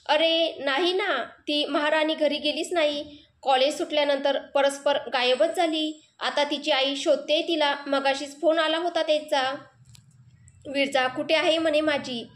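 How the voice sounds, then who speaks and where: A high, whiny voice of a spoiled, snobbish rich girl, dismissive and self-pitying, as a woman narrator puts her on. She slips English phrases into her complaints, in a storybook reading. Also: steady tone, a little slow, echoey room. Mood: whiny, scared.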